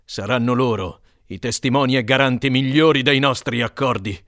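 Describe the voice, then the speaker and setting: A noble, doomed warrior prince speaks in a grave and solemn voice with a bright, tense edge, as a man acts him out. The sound is close and dry, like an epic audiobook reading. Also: mid-range voice, normal speed, no room sound, natural voice.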